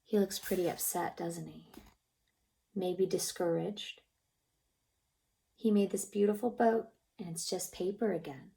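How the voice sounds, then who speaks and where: Here a female childcare teacher shares a picture book with young children, her voice low and gravelly, her pace a little slow with long pauses. She prompts her listeners with questions, stays expressive and gently encouraging, and often drops to a near-whisper.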